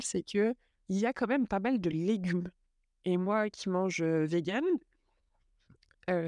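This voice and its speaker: A woman's voice: mid-range voice, a little mellow. A young woman talks casually into a close microphone. She sounds enthusiastic and chatty and often stops to look for her words. The sound is dry, with no room echo. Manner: chatty, enthusiastic, many fillers. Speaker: podcast host. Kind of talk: casual travel chat.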